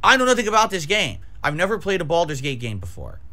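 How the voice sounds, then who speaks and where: An agitated variety game streamer rants to his chat viewers during a livestream, talking fast in a sharp, higher-pitched voice with huge pitch swings. He is profane and emphatic, repeating phrases for emphasis. He's indoors in a small, decorated home streaming room, using a close desk microphone with a pop filter.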